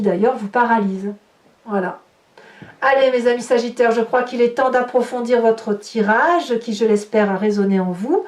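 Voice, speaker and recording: A woman's voice: fairly high pitch, a little mellow. A woman giving a chatty, reassuring tarot reading, often restarting her phrases. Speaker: tarot reader. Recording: echoey room, voice from a distance.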